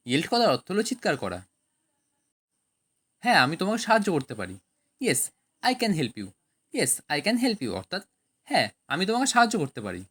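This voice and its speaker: A woman with a Bengali accent teaching spoken English, saying each phrase slowly and then giving its meaning in Bengali. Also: fairly low pitch, husky. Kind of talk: language lesson, phrase then translation.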